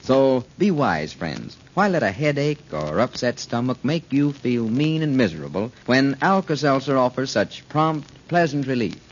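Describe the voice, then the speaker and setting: A man's voice: medium pitch, big pitch swings, moderate pace, few pauses. Man announcer on crackly old AM radio. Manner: folksy, persuasive. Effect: old AM radio broadcast sound. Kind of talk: scripted sponsor announcement. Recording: muffled 1940s radio recording.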